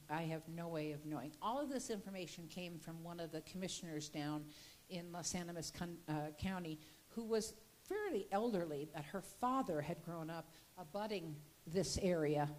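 An older woman with a slightly low, somewhat mellow voice recounts local history folksily and chattily, often starting her words over. She uses a handheld mic in an indoor gallery room while slides are shown.

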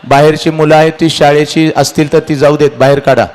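Middle-aged man, emotional motivational lecturer, fairly high voice, builds drama through repetition. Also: flat delivery, a little fast, darkish tone. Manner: dramatic, repeats phrases, addresses the listener directly.

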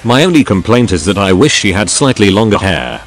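A man narrates informal first-person stories in a scripted, dramatic way. His voice sits fairly low and moves in very lively contours. Faint music plays behind him. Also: brisk. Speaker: narrator reading stories aloud.

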